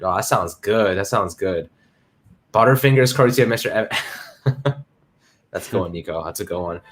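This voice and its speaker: A man's voice: lowish voice, animated, normal speed. A man hosting a casual sports livestream, talking in hyped slang and greeting chat viewers by name. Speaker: livestream host.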